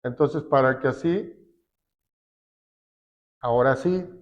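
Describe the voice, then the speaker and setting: Slow-talking man teaching a class, lo-fi. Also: medium pitch. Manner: slow, explaining step by step with fillers. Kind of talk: classroom software lesson. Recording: dull lo-fi recording.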